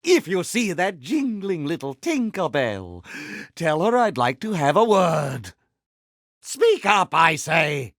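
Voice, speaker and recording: A vain, villainous pirate captain for a video game. The voice is pitched high and swoops dramatically through grandiloquent phrases, drawn out at an unhurried pace with theatrical pomposity. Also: male voice, very animated, fairly bright tone, no room sound, studio quality, full character voice. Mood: indignant, menacing. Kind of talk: video game character voice lines.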